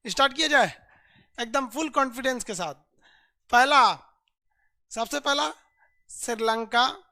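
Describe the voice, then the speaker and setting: A man teaching geography in an online class, lively and teasing, calling his students "babu". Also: very high voice.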